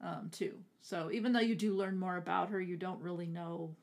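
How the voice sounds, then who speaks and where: A woman's voice: fairly low pitch, moderate pace. A woman co-hosting a casual book discussion, chatty and filling in plot details. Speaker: book podcast co-host.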